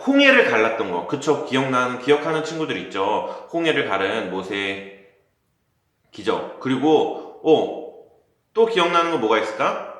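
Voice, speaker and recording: A man's voice: medium pitch, fairly bright tone. A man giving a children's sermon, telling a Bible story in a friendly way and asking the children questions. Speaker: children's pastor. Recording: very echoey room.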